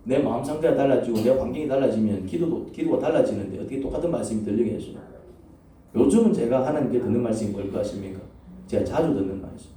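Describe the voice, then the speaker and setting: A man's voice: medium pitch, fast, warm tone, slight background noise. A man, a pastor, preaching a sermon in a church and firing questions at the congregation. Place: church sanctuary. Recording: echoey church from a distance.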